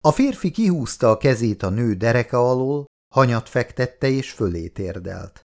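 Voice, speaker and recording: A man from Hungary reading an audiobook in calm, steady scripted narration. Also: medium pitch.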